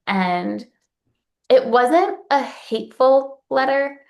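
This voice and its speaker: A woman's voice: sits high, lively intonation, takes it slowly, creaky. A young adult woman talking earnestly and openly about forgiveness, sometimes getting emotional as she shares her own experience. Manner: earnest, open, gets emotional at times. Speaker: guest speaker on forgiveness. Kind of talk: personal talk.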